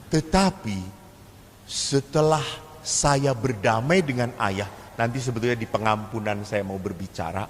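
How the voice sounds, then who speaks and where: Javanese priest preaching in an echoey hall. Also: male voice, medium pitch, unhurried. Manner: storytelling with acted family dialogue, humorous asides. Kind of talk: sermon-style seminar talk. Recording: echoey hall, faint ambient noise.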